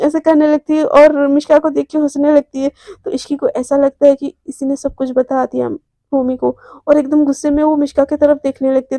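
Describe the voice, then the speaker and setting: A woman's voice: sits high, warm tone, dry recording. A woman casually narrating a romance story, chatty, acting out the characters' lines herself.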